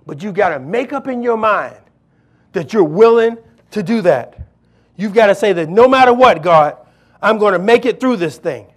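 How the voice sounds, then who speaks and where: Preaching a sermon to his congregation, a pastor with a voice strikingly high for a man speaks expressively at a normal pace. He drives his points home by repeating phrases and urging listeners directly.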